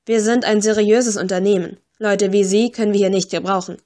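A woman's voice: medium pitch, steady tone, fairly quick, warm tone, natural voice. A woman voicing a stiff, dismissive middle-aged male store manager who speaks in a curt way. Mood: curt refusal.

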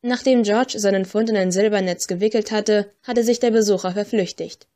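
A woman reading an audiobook in a steady, measured first-person narration. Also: mid-range voice.

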